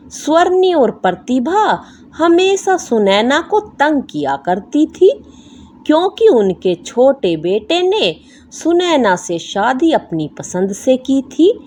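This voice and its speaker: A woman narrating a bedtime story in a slow, expressive storytelling manner. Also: a little high, a little hiss or hum.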